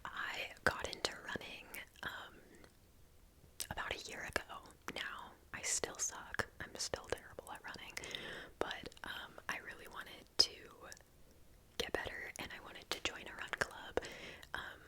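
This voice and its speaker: A woman in her twenties whispering a casual ASMR storytime in a quiet, hushed bedtime voice, chatty and informal. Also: a little slow. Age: 20s.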